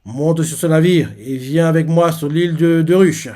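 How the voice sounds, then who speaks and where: A man voicing a boisterous old male navy vice-admiral while reading a comic aloud, loud and carefree in manner. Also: on the high side, normal speed, natural voice. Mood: gruff.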